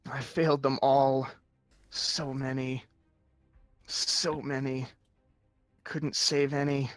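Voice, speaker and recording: A man playing a grieving, guilt-ridden warrior in a tabletop game, speaking in halting, solemn phrases. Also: mid-range voice, little pitch movement, fairly bright tone, dry recording, faint music behind. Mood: anguished. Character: grieving, guilt-ridden male warrior who lost his people. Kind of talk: tabletop role-play.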